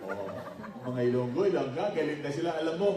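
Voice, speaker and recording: A man pastor telling jokes at a church anniversary, laughing often and jumping into high voices for characters. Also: animated, fairly quick, noisy background. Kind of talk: joke-telling during a church anniversary talk. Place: large church hall. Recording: distant mic in a very echoey hall.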